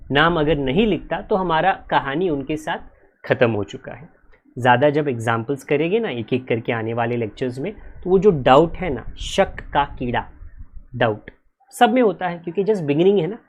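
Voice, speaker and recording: Lively male accountancy teacher. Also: moderate pace. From Maharashtra, India. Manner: lively storytelling with dramatic swings in pitch and loudness. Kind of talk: classroom lecture mixing Hindi and English.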